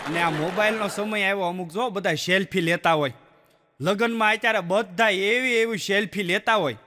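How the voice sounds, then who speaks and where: A stand-up comedian with a bright, ringing voice tells folksy jokes, acting out the people in his stories. His voice carries a long echo through a large hall. Audience laughter rises between his lines. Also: high-pitched, normal speed. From Gujarat, India. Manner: animated storyteller who acts out the people in his jokes. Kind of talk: folksy stand-up joke telling.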